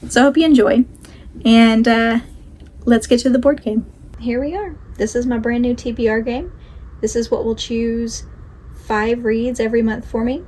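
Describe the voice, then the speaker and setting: A woman's voice: a little high, steady tone, moderate pace, a little mellow. A woman chatting casually to camera as a vlog host, rambling and self-deprecating, talking with a sore jaw that slightly restricts her mouth.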